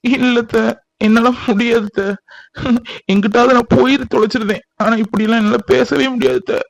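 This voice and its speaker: Man acting young village man, high voice, earnest, emotional, cartoon. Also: steady tone, fairly quick, creaky, dry recording, full character voice, low-quality recording. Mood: refusing. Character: devoted young village man, torn and heartbroken.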